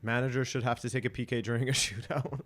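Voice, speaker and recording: A man's voice: medium pitch, steady tone, fast, faint music behind. A man hosting a live football watch-along stream, chatting casually, chuckling and reading viewer comments aloud.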